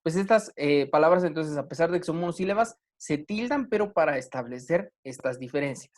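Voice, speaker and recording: A man teaching an online grammar class, talking slowly with many fillers and restarts. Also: fairly high pitch, expressive.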